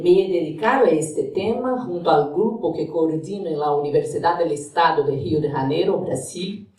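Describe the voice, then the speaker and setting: A Brazilian woman with a Brazilian Portuguese accent, Portuguese being her first language, speaks as a guest lecturer in a university lecture hall, carefully groping for words in her second language. Her lowish voice has a dark tone, and the academic lecture is partly read aloud. The audio is distant and echoey.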